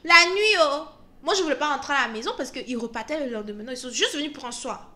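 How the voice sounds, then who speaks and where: A young woman giving a casual tarot reading, telling stories in an animated way, laughing often and mixing in English words. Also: sits high, fast. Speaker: tarot reader.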